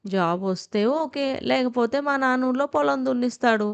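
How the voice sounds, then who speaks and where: A woman's voice: high voice, moderate pace, creaky, smooth. A woman voicing a boastful, joking young male college student with a cocky, playful manner.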